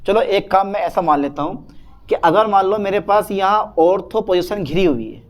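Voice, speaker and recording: A man's voice: sits high, lively intonation. A man teaching a chemistry lesson in a casual, chatty way, repeating phrases and calling his students beta and bhai. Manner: dictates slowly, repeating phrases. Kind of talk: casual Hindi lecture.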